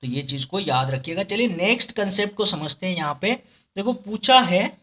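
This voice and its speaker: A man's voice: sits high, animated, fairly quick, sharp tone. A man teaching pharmacology for exams, explaining step by step with memory tricks and often checking in with his listeners. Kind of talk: exam-prep lecture with memory tricks.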